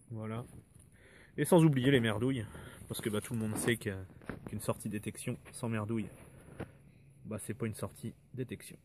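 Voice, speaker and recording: A man walking through his metal detecting finds in a relaxed, hesitant way, with many fillers and asides. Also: fairly low pitch, slight background noise. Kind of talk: casual show-and-tell of finds.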